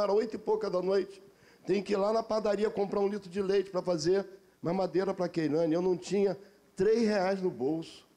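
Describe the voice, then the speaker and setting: A man's voice: high voice, dark tone. A middle-aged Brazilian man preaching a sermon as a pastor, driving his points home with repeated phrases and personal stories.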